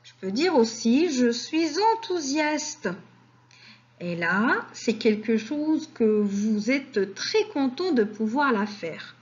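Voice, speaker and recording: A woman teaching French vocabulary, speaking slowly and repeating example sentences for learners. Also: on the high side, big pitch swings, lo-fi sound. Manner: slow and deliberate, repeats words for learners.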